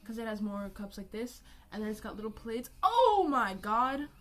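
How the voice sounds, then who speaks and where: A woman's voice: mid-range voice, little pitch movement, a little fast, darkish tone. Rambling young woman streaming casually. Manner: rambling, self-mocking, swears freely. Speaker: art streamer. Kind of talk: casual live-stream chat. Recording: music playing behind the voice. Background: music.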